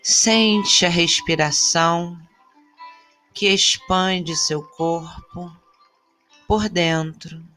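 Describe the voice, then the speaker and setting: A woman with a low voice leads a guided relaxation meditation. She speaks extremely slowly in short, soothing phrases separated by long pauses. Soft instrumental music plays behind her. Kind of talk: guided body-scan meditation.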